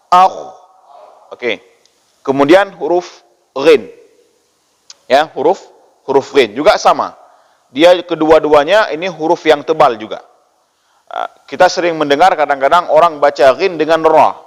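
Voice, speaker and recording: A man from Indonesia teaching Quran pronunciation in a patient lesson, repeating letter sounds over and over and chanting verses slowly for listeners to copy. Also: fairly high pitch. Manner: chants Quranic phrases in drawn-out recitation. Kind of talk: slow tajwid lesson with call-and-repeat drills. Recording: long hall reverb.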